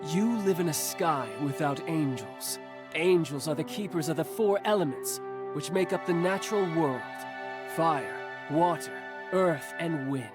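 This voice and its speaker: In scripted video game dialogue with orchestral music behind her, a woman voices Primal, a grandiose divine emissary who is theatrical, exuberant and young-sounding. Her deep, unhurried voice declaims lofty, archaic phrases in a solemn, grandiose mood.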